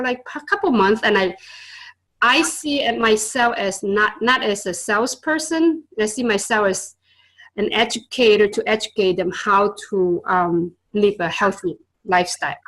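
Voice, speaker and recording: She speaks at medium pitch and a normal speed, sounding a bit bright, on a low-quality recording. As a guest in a casual storytelling interview, this earnest tutor and business owner—born in Vietnam, raised in China, first languages Chinese and Vietnamese—leans on fillers and non-native grammar.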